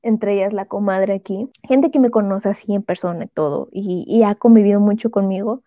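A young Mexican woman co-hosting a podcast, chatting casually and sharing strong opinions with animated energy. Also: medium pitch, brisk, no echo. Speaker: podcast co-host. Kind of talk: casual chat. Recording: tinny phone-like sound.

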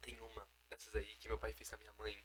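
A man's voice: on the low side, completely flat delivery, quick pace, a bit bright, husky. A teenage boy with a sore throat co-hosting a podcast, full of slangy joking banter. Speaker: podcast co-host. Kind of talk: casual chat.

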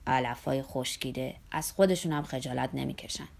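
A woman reading the part of a gruff, scornful older Greek man who mutters contemptuously, in an audiobook. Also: deep voice, lively intonation, warm tone, voice pushed down.

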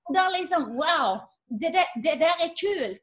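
A woman's voice: high voice, expressive. A woman, a guest earnestly telling a personal faith story and acting out the dialogue.

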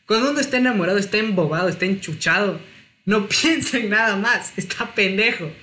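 A man, telling a personal story in casual chat, lively and self-mocking. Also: high-pitched, a little fast. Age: 20s.

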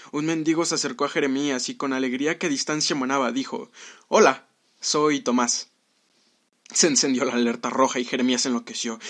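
A man reading a scripted story aloud in a hushed, dramatic way that sometimes sinks to a whisper. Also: medium pitch. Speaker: narrator.

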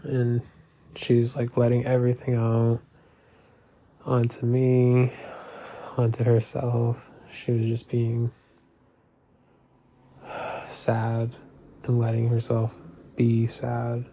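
A man's voice: medium pitch, monotone, takes it slowly, pauses often, warm tone, slight background noise. A young man talking hesitantly in a personal confessional monologue, full of fillers and restarts.

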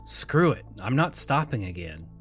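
A man's voice: mid-range voice, very animated, unhurried, soft background music. A man voicing a frustrated young male truck driver who curses mildly under his breath. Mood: exasperated. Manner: exasperated, mild minced oaths.

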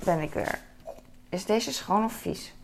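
A woman's voice: mid-range voice, a little slow, background noise. A woman chatting casually to camera at home in her kitchen, rambling with many fillers and asides to herself. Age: adult with a son. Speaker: vlogger. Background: dishes and cutlery clatter.

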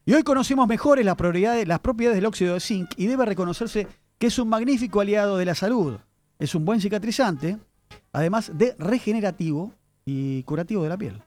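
Lively high-voiced radio man. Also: brisk. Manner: chatty, animated storyteller addressing listeners. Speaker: radio columnist. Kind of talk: radio segment on word origins. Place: radio studio.

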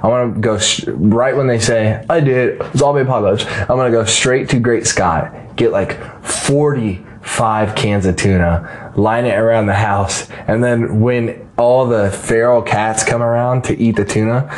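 A man's voice: fairly low pitch, unhurried. A man hosting a podcast, talking in a rambling, profane, jokey way. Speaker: podcast host. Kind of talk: casual podcast chat.

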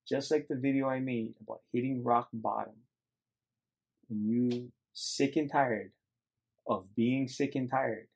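A man's voice: medium pitch, gravelly, darkish tone. A man hosting a motivational podcast alone, talking earnestly and loosely to his listeners, circling back and restarting his thoughts. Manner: earnest, rambling, addresses listeners as guys. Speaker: podcast host.

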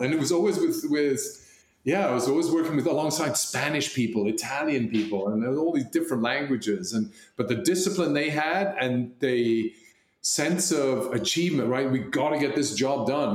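A man born in Hong Kong, co-hosting a podcast, telling stories in a rambling, animated way with many restarts. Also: medium pitch. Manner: rambling, animated storytelling with frequent restarts and laughs. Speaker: podcast co-host. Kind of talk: casual conversation. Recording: echoey room sound.

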